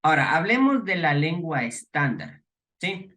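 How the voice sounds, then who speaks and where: A middle-aged teacher with an Ecuadorian highland Spanish accent lectures his class in a voice somewhat high for a man, sing-song, bright and forceful. He explains patiently, restarting phrases, filling pauses and posing rhetorical questions to his students.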